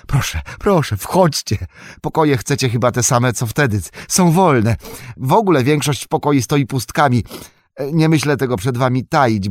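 A man voicing a bustling, talkative old male innkeeper who scolds and fusses loudly in an audiobook reading. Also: mid-range voice, no echo, voice pushed up. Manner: loud, scolding, fussy. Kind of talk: audiobook character voice.

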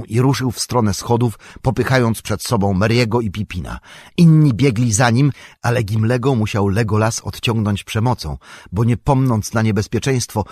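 A man reading an epic fantasy audiobook with dramatic, measured storytelling. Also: medium pitch, a little mellow, no echo, clean studio sound. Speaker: audiobook narrator. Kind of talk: scripted narration.

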